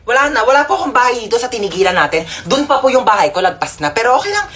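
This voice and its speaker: A woman's voice: a little high, very animated, very fast, a bit bright. Sassy woman doing comic skits. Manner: sassy, exaggerated, playing many roles. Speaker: comedy skit creator. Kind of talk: comedic skit role-play. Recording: noisy home video.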